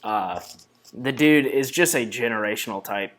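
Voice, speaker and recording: A man's voice: mid-range voice, moderate pace, fairly bright tone. A young man hosting a casual sports podcast, making emphatic, brash predictions. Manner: emphatic, brash hot takes. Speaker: podcast host.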